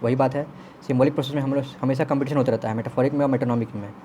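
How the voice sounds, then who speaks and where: A man teaching literary theory, reading English lines slowly and then explaining them quickly in Hindi, often checking in with his students. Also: medium pitch, fairly even intonation, warm tone, slight background noise. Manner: frequent check-ins and self-corrections.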